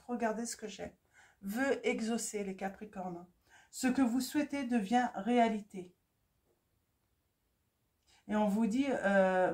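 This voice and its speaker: A woman giving a casual tarot reading for viewers, talking in a halting way with many fillers and repeated words. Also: on the high side, mellow. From France. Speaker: tarot card reader. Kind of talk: casual spoken card reading.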